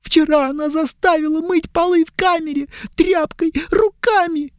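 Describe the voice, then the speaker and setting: A man voicing a highborn young male elf prisoner who pleads plaintively, close to tears. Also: steady tone, normal speed, no room sound. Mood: tearful. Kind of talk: audiobook character voice.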